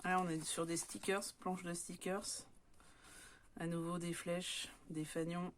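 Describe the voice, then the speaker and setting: A woman's voice: on the low side, level tone, a little slow, a little hiss or hum. A woman from France chatting casually as she shows off craft papers, with many hesitant fillers. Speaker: scrapbooking vlogger.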